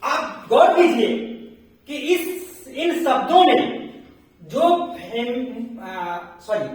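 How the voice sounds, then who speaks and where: A high-voiced man teaches a grammar lesson at an unhurried pace, repeating words and examples so they sink in. He stands back from the microphone in a very echoey room, so his voice rings and sounds distant. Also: lively intonation. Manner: slow, deliberate explanation with repeated examples. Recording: very echoey room, voice far from mic.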